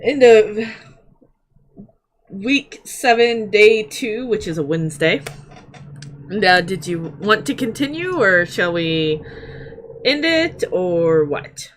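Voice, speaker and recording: A woman's voice: medium pitch, expressive, slow, long pauses. A woman running a tabletop game as game master, giggly and easily laughing, talking over a video call.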